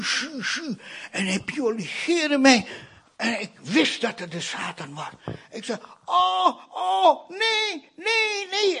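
A man from India with a high, slightly bright voice and a breathy edge delivers a testimony in sermon style. He tells the story animatedly, acting out the voices of its characters, and keeps turning to his listeners with "I tell you."

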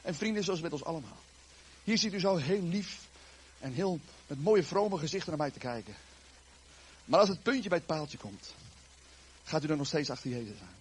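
A man preaching a sermon to his congregation, retelling a Bible story in a lively, joking way with a raspy voice. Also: a little high, moderate pace, pauses often, a little hiss or hum.

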